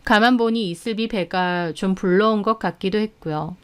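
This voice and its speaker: A woman's voice: mid-range voice, moderate pace, clean tone. A woman narrating a first-person drama story in an indignant, dramatic tone.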